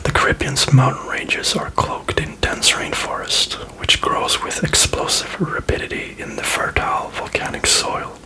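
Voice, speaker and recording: A man reading aloud in a breathy ASMR whisper, with casual asides. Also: moderate pace, few pauses, rough recording.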